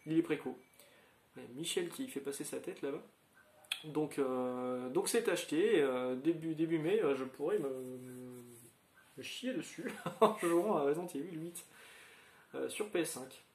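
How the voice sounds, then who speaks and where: A man's voice: a little high, a little slow, a little mellow. Chatty man in an echoey room. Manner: rambling, chatty, many fillers and restarts. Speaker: channel host. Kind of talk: casual chat to viewers.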